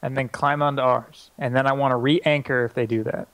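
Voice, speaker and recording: A man's voice: mid-range voice, steady tone, brisk, a bit bright, no room sound. A man playing a tabletop game, bantering casually in a joking, cocky manner.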